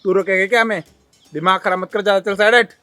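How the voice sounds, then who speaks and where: Brief: a man doing a cocky young bully, quick-mouthed and high-pitched, shoving people aside. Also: steady tone, sharp tone, faint music behind. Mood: rude. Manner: rude, bossy and mocking. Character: arrogant rude young man candidate. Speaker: rude job candidate.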